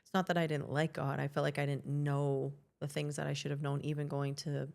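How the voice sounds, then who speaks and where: A middle-aged woman with a Boston accent talks loosely through her story as a podcast guest. Her voice sits low, with a gravelly fry and little rise or fall. She wanders from thought to thought, full of likes and ums. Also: flat delivery, brisk, a little mellow. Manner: rambling, restarts with many likes and ums. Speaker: podcast guest, hairstylist and CrossFit coach. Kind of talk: casual interview chat.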